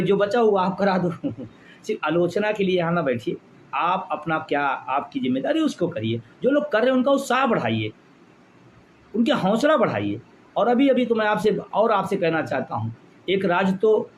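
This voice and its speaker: Fiery high-voiced man giving a rally speech. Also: a little hiss or hum. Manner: impassioned orator, repeats phrases for emphasis. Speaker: pension movement leader.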